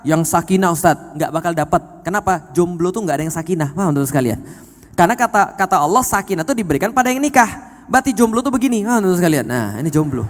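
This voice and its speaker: A man preaching a sermon to a live audience. He keeps asking the crowd questions and swings between loud exclaims and soft, low storytelling. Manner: animated, asks the crowd questions often. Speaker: Islamic preacher. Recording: long hall reverb.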